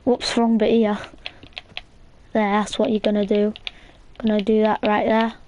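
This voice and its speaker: A woman's voice: medium pitch, level tone, measured pace, mellow, highs cut off, a little hiss or hum. A woman hosting a casual gameplay tutorial, chatty and rambling, with plenty of fillers. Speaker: gaming channel host.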